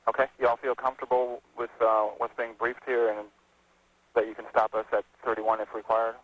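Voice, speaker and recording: A man's voice: medium pitch, monotone, a little fast, no room sound. A man directing a launch test, asking short methodical procedural questions over a radio communications loop. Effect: radio comms loop transmission. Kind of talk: mission control loop communications. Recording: narrow phone-like radio band, dry.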